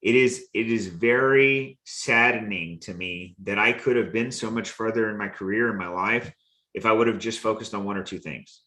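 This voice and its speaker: A man with a lowish voice delivers an earnest motivational talk to his listeners. He leans on repetition, circling back to the same phrases to drive each point home. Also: moderate pace, bright, forceful tone. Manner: earnest, preachy, repeats phrases for emphasis. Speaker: host.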